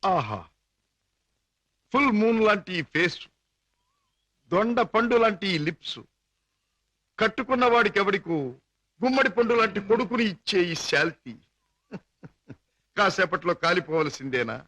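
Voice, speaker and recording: A man's voice: sits high, lively intonation, measured pace, long pauses, pushed and bright, no echo, exaggerated voice. A man playing a brash young man with a car, in a teasing, flippant manner. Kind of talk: comic film acting.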